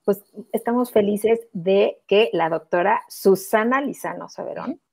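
A middle-aged woman co-hosts a video-call interview with a gravelly, creaky edge to her voice. She talks effusively, piling on fillers as she praises her guest. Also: medium pitch, measured pace, a little mellow. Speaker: co-host. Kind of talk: casual interview chat. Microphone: earphones on video call.

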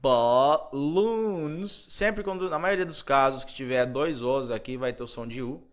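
A man's voice: mid-range voice, measured pace, clear, resonant tone. A man with a Brazilian Portuguese accent from Mato Grosso, teaching an English lesson and repeating words to drill them.

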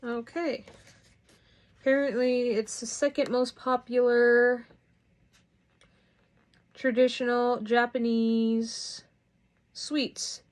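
Woman, unboxing vlog, casual, dry humor, talks through food, slow delivery. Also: fairly high pitch, little pitch movement. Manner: chatty, wry, bursts of mock outrage. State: talking while chewing. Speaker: unboxing vlogger.

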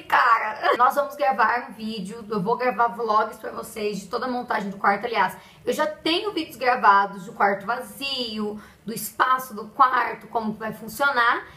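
A woman's voice: fairly high pitch, roomy sound, low-quality recording. A young Brazilian woman talking casually and expressively to her viewers in a pregnancy diary vlog. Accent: Brazilian Portuguese. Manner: chatty, expressive, addresses viewers directly. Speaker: vlogger.

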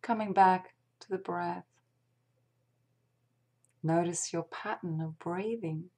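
Guiding listeners through meditation, a woman with a lowish voice keeps to a breathy half-whisper. Her pace is gentle and deliberate, broken by long silences.

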